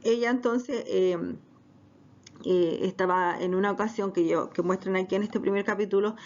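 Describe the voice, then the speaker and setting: A woman's voice: medium pitch, steady tone, moderate pace, a little mellow. A woman teaching a Bible class, hesitant and full of fillers, often checking if listeners follow. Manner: hesitant, many fillers, asks "right?". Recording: dull lo-fi recording.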